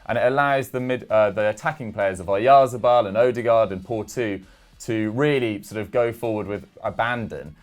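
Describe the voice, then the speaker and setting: A man's voice: fairly low pitch, moderate pace. A young man hosting a casual football chat show, reeling off stats in a chatty, self-deprecating way. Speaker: football podcast host.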